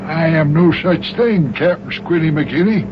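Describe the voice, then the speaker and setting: A man's voice: a little high, expressive, unhurried. A man playing a timid, self-important older mayor, folksy and hesitant, stammering in a children's radio serial. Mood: evasive, blustering. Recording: noisy, muffled old radio recording.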